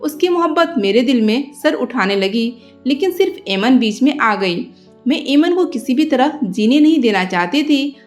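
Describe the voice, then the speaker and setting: High-voiced woman telling an emotional story. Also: animated, normal speed, faint music behind. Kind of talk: first-person emotional story narration.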